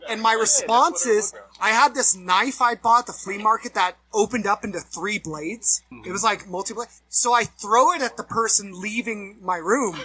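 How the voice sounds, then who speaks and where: A man hosting and telling a story in a joking way, laughing often and adding quick asides, at an outdoor party. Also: high-pitched, sharp tone. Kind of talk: casual storytelling. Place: outdoor party around a fire.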